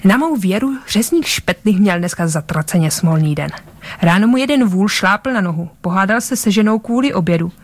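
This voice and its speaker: A woman reading a story aloud, narrating with lively delivery and small slips. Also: mid-range voice, no echo. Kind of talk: audiobook-style story reading.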